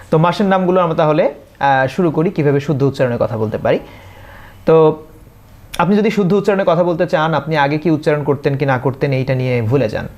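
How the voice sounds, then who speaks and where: A man's voice: a little high, darkish tone. A man from Bangladesh, teaching English pronunciation and repeating each word several times for his learners. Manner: addresses viewers as dear learners. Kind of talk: recorded pronunciation lecture.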